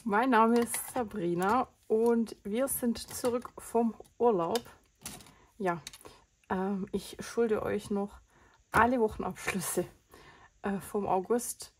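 Speaking slowly with fairly even intonation, a budgeting channel host with a cold rambles casually about her spending, full of fillers. Her mid-range voice sounds slightly rough.

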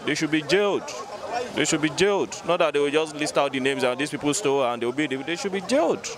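A man's voice: on the high side, fast. A young man interviewed beside a bus on a city street, firmly repeating his points into a handheld mic. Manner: firm, insistent, repeating himself. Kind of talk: street vox pop opinion. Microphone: handheld mic held by interviewer. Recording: busy street crowd behind. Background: crowd and traffic.

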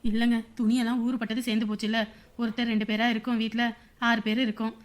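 An actress playing a tired village wife with a sore back, speaking wearily. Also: female voice, fairly high pitch, level tone, fast, natural voice. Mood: weary. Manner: weary, complaining. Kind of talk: Tamil web drama acting.

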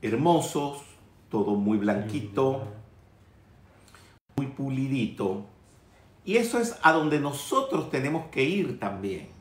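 A man's voice: mid-range voice, very animated, slow pace, long pauses, echoey room. A man teaching a spiritual lecture in a trained, projected voice, scolding and teasing his listeners with humorous asides. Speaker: metaphysics teacher.

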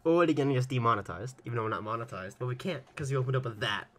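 A man's voice: medium pitch, racing, a bit bright. A man chatting casually while playing a game, laid-back and teasing, often saying bro, with faint game music behind. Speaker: let's play gamer. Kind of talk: casual gaming chat.

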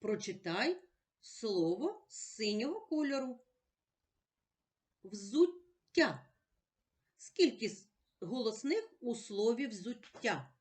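A woman teacher giving a slow, careful special-education lesson, patiently sounding out words one at a time. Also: a little high, very animated, a little mellow.

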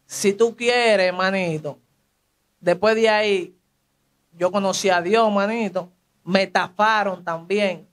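Young Dominican man, high-pitched and animated, telling his own story in street slang; brings in other people's voices as he goes. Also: takes it slowly, long pauses. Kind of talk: casual testimony.

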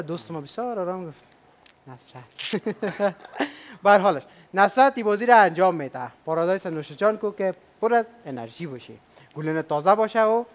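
High-voiced upbeat Afghan Dari game show host. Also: male voice. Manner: upbeat, chatty, coaxing contestants with questions. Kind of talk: lively game show hosting.

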